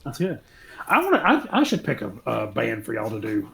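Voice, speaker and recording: A man talks loosely and jokes his way through a podcast chat, padding his thoughts with ums and uhs. His voice sits at a middling pitch, neither deep nor high. The delivery stays relaxed and unscripted. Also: moderate pace, gravelly, crowd noise. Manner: loose, joking, rambling with many ums. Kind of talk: casual chat.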